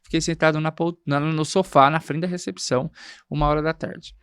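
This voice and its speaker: A man from Brazil spins a long anecdote in a relaxed podcast chat. He jumps in and out of quoted voices as he tells it. The sound is close and dry, with no room echo. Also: fairly high pitch, a little fast, clean tone. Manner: lively storyteller acting out quoted dialogue. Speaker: guest, nursing technician and actor. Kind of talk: animated anecdote in casual chat.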